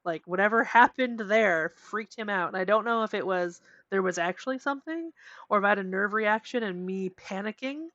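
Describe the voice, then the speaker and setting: A young adult woman co-hosting a podcast, telling a spooky personal story in a casual, animated way with lots of "like" and swearing. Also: mid-range voice, fairly quick, no room sound. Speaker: podcast co-host. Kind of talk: casual chat. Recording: dry, dull lo-fi podcast audio.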